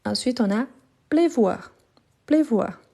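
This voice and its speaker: Her warm, medium-pitched voice carries a live French lesson taught online from her phone. She goes slowly through each verb and patiently signals approval when confirming what her students say.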